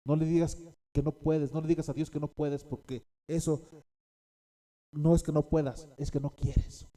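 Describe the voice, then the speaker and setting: A man's voice: fairly high pitch, level tone, moderate pace, dark tone. A man preaching a sermon as a pastor, repeating key phrases and often checking in with his listeners.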